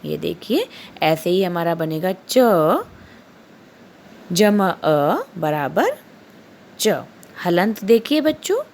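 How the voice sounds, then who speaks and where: Slight background noise sits under this lowish, creaky female voice. She is a primary school teacher giving a recorded Hindi lesson to young children, elongating syllables and saying each word two times for them to echo. Questions and direct address to the children come up often.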